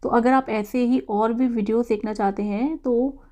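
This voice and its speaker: A woman, an English teacher going through exam quiz answers, who reads each English question slowly and then explains it in Hindi. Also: a little high, steady tone, mellow.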